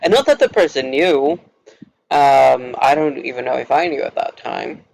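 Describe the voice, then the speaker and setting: A man's voice: medium pitch, expressive, moderate pace, gravelly, darkish tone, low-quality recording. A young man from Norway, a native Norwegian speaker, telling a story to camera in a casual, rambling vlog style, giggling often and filling his speech with filler words. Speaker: vlogger.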